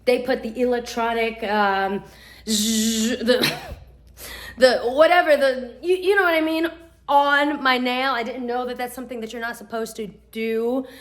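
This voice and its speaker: A woman's voice: fairly high pitch, fairly even intonation, moderate pace. A young woman, ranting to the camera in an exasperated, profane storytelling way. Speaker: vlogger.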